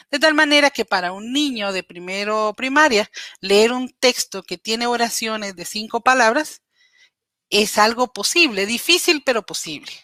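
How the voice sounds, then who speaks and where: A woman's voice: a little high, pushed and bright, no echo. A woman giving a patient, explanatory slide lecture on teaching reading, speaking straight to her listeners with small hesitations. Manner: patient, explanatory, addresses listeners directly with frequent "eh" fillers. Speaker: literacy educator presenting. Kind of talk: recorded slide presentation lecture.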